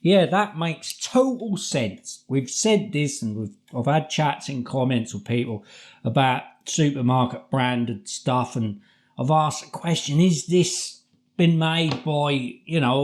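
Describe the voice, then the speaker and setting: A middle-aged man with a British accent giving a casual, informal food review to camera in a home kitchen. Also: medium pitch. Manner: informal, chatty, colloquial. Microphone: camera across the table.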